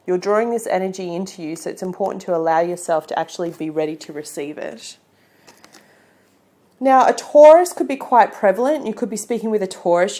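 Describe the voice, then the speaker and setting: A woman's voice: fairly low pitch, a little mellow. Chatty Australian woman reading tarot. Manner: chatty, encouraging, often checks in with "okay?" and "right?". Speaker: tarot reader. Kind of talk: casual tarot reading to camera.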